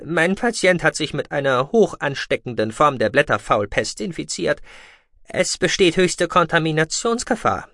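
A man's voice: on the high side, sing-song, normal speed, fairly bright tone, dry recording, studio quality, pitched above the performer's own voice. A man voicing a nervous but determined male alien doctor in a science-fiction audiobook, talking earnestly. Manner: nervous, then theatrically earnest.

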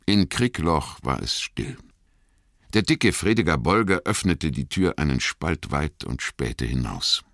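A man narrating a fantasy audiobook with dramatic, expressive storytelling, recorded close to a studio mic. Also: rumbling low, unhurried, vocal fry, no echo.

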